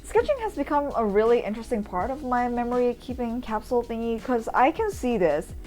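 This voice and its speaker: Her voice is a little high, with lively intonation and a slightly fast pace, as this woman from Indonesia chats her way through a casual, rambling voice-over tour. She's a vlogger and urban sketcher, and music plays in the background.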